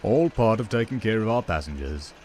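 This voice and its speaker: A man's voice: deep voice, very animated, moderate pace. A man voicing a cheerful, eager young diesel engine in a storybook reading.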